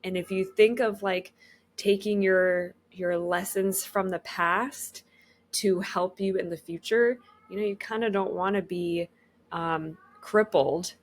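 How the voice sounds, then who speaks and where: A woman's voice: mid-range voice, steady tone, slow pace, slight background noise. A woman co-hosting a podcast in casual chat, rambling with lots of fillers. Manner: rambling, lots of "like" and "you know".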